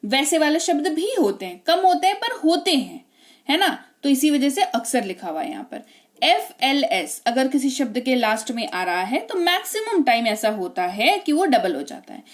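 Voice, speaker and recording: A woman's voice: high voice, sing-song, moderate pace. A woman teaching English reading rules in a chatty way, often checking with the listener. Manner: chatty, keeps checking with "ठीक है?" and "है ना?". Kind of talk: explaining reading rules in a lesson.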